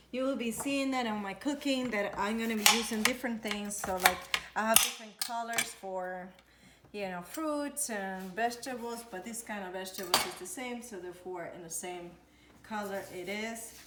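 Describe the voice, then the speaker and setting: A woman's voice: mid-range voice, background noise. A woman from Ecuador, a nutritionist giving a chatty cooking demonstration in her home kitchen and searching for words as she goes. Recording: echoey kitchen with dish clatter.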